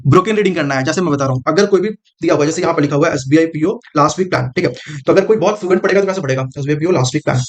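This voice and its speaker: Very fast and a little high, a man's voice delivers a casual coaching talk to camera on exam strategy. The exam prep mentor keeps it direct, says things more than once, and keeps calling the listener brother.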